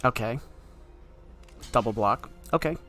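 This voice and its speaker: A man's voice: mid-range voice, unhurried, fairly bright tone, soft background music. A man giving casual commentary while playing a card game, thinking aloud in an offhand way.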